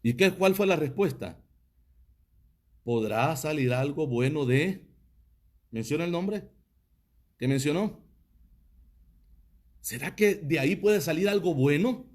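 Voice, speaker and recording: A male pastor, his voice sitting a little high for a man. He preaches a livestreamed teaching sermon and keeps pressing his listeners with rhetorical questions. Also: animated, slow, long pauses, a little mellow. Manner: asks the audience many rhetorical questions; reads out viewer comments.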